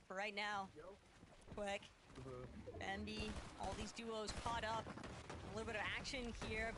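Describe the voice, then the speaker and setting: A woman calling live esports action, quickly narrating fights and eliminations. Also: on the high side. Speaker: esports commentator. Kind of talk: live play-by-play commentary. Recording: crowd noise behind the voice.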